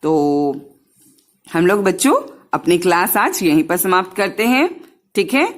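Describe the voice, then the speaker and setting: A woman's voice: mid-range voice, animated, a little slow. A woman teaching young children a Hindi lesson, sounding out each syllable patiently and mixing in English words.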